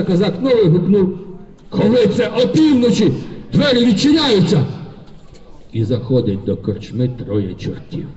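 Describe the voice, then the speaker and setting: A man performing a folk tale live on stage, telling it in a lively, vivid way. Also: mid-range voice. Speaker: folk storyteller. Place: concert hall, live audience. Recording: dull distant concert-hall recording.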